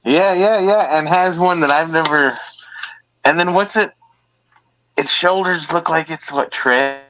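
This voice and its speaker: A man's voice: on the high side, unhurried, a bit bright, dull audio, a little hiss or hum. Hyped, swearing man hosting a stream. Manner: loose, profane, hyped. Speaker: livestream host. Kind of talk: casual group chat.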